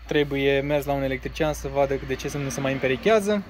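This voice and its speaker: This Romanian man, a caravan seller, does a casual walkaround of his caravan on a grassy outdoor lot, holding the phone camera that records him. His medium-pitched voice is plain and matter-of-fact, with pauses and a few fillers. A little hiss or hum runs under the audio.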